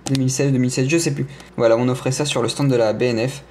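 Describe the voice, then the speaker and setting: A man's voice: mid-range voice, fairly even intonation, fast talker, a little mellow. Chatty young French man with a rambling vlog voice. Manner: rambling, lots of hesitations and self-corrections; playful and enthusiastic about collectibles. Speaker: gaming streamer showing his setup. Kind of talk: casual room tour vlog. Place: his gaming room indoors.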